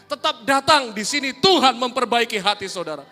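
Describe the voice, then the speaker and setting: A man preaching a sermon as pastor, swinging between hushed lines and shouts. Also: very high voice, animated, fairly quick. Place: church hall. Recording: long church hall reverb with faint music.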